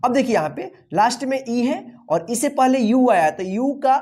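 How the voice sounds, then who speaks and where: A woman's voice: fairly high pitch, expressive, darkish tone. Patient woman teaching word by word. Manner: patient, repeats each word and asks "what will we read?"; spells words out letter by letter slowly. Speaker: English teacher. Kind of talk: classroom-style phonics lesson.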